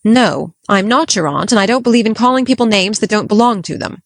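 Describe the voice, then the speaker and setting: A woman's voice: medium pitch, animated, fairly quick, vocal fry, no echo, clean studio sound. A woman voicing a strict, no-nonsense middle-aged spinster, clipped and disapproving. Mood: stern. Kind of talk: audiobook character voice.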